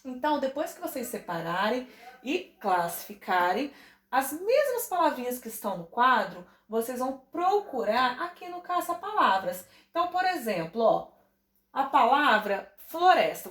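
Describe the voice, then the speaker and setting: A woman teacher with a Brazilian Portuguese accent, giving a recorded class to young children and drawing out words slowly to sound out their syllables. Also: sits high, very animated, fairly bright tone. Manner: drawn-out, stretching words to sound them out for children. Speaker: primary school teacher.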